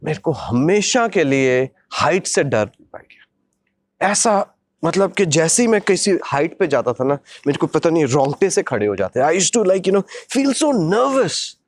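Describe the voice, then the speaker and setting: Male vlogger, dramatic storyteller, slightly high voice, mixes English into his Hindi. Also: big pitch swings, measured pace. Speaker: vlogger telling a personal story. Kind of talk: animated storytelling.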